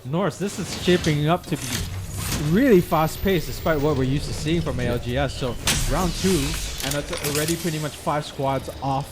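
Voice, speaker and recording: A man casting a live esports match with excitable play-by-play. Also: on the high side, moderate pace, background noise. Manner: excitable play-by-play, rises sharply in big moments. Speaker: esports caster. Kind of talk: live game commentary. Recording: loud gunfire behind.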